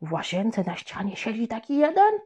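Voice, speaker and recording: A woman's voice: fairly high pitch, moderate pace, breathy edge. A woman voicing a mischievous young boy who tells exaggerated fibs, in a storybook reading. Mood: fibbing, playful. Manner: lively, exaggerated fibbing. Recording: dull lo-fi recording.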